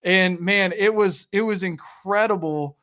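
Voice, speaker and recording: A man's voice: sits high, a little slow, a bit bright. A man in his thirties hosting a casual interview, chatty and laid-back, calling his guest "dude" and "bro". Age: 30s. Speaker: podcast host.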